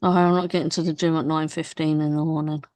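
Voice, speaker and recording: A woman's voice: low voice, little pitch movement, fast talker, darkish tone, no echo. A woman co-hosting a live stream, bantering in a teasing, matter-of-fact way. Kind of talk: casual live stream chat.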